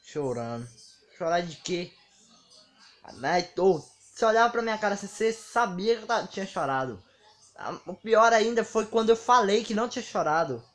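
A man's voice: sits high, moderate pace. A man, telling stories in a casual vlog monologue and acting out the dialogue. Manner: animated, acts out quoted dialogue. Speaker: vlogger.

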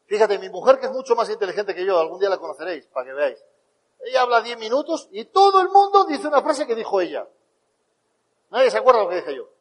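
A high-voiced man, a motivational speaker, tells stories to an audience with animated energy, acting out the quotes. The recording carries a long hall reverb.

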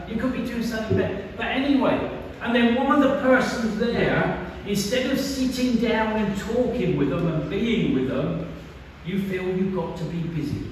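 A man's voice: sits high, moderate pace, a little hiss or hum. A man, preaching a conversational sermon and asking the congregation questions. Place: church hall. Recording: echoey church from far off.

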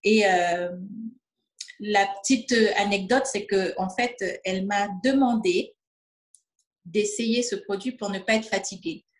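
A woman's voice: medium pitch, unhurried, reverberant. A woman in her fifties from French Guiana, telling her story in an interview with many hesitations. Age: 50s. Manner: hesitant, many fillers, acts out quoted dialogue. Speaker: interviewee, distributor. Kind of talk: testimonial interview.

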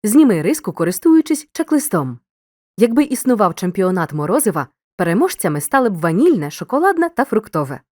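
A woman narrating a scripted grammar lesson as a teacher, giving clear instructions and speaking straight to the learner. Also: mid-range voice, sing-song, a little fast, a little mellow, dry recording, studio quality. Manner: clear didactic instruction, addresses the learner directly.

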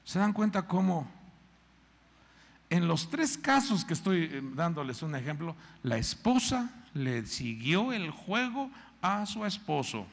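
A pastor preaches with a high, swooping voice and a gravelly edge, taking his time between phrases. He acts out characters' voices and has the congregation repeat after him. His voice rings with the long reverb of a church hall. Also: very animated, unhurried. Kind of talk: sermon.

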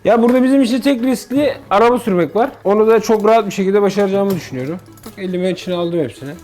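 High-pitched guy vlogging, jokey and animated, some faint music. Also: very fast. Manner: joking, animated. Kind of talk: comedic vlog.

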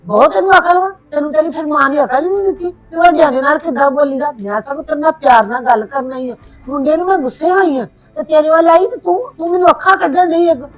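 A woman with a high, brisk voice plays a mother who lectures reproachfully. The audio is a little dull, and light music sits behind her. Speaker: actor playing a mother. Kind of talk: Punjabi family web drama acting.

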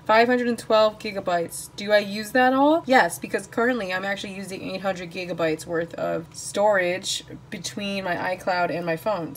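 A young woman hosting a fashion vlog, chatting to a handheld camera in a casual, upbeat way and swearing now and then. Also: mid-range voice. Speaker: fashion blogger and vlog host.

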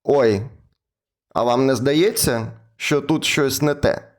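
Speaking slowly at a medium pitch, a man narrates a children's lesson, teaching English words to preschoolers. He is patient and draws words out during repetition drills.

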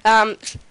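A young woman with a slight cold, including a runny nose and cough, gives a tour of the server she owns while casually commenting on gameplay from a computer in a room at home. Her tone is sharp and her delivery slow, hesitant, and rambling, full of ums. The recording is dry, close, and rough, with keyboard typing audible through her desk mic.

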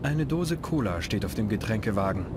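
A man's voice: on the low side, lively intonation, a little fast, background noise, lightly acted. A man voicing a wry, self-mocking adventurer. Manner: dry, self-mocking narration. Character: wry young male adventurer. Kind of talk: fan-dubbed adventure game dialogue.

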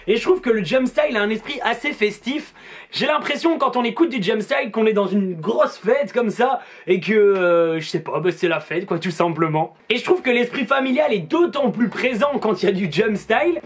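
A Belgian DJ and music video host with a Belgian French accent chats about music tracks in a joking vlog style, casual and enthusiastic. His voice is high-pitched with a breathy edge.

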